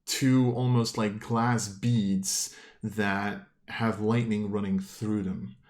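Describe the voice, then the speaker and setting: A man improvising descriptive, conversational narration as the game master of a tabletop role-playing game. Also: lowish voice.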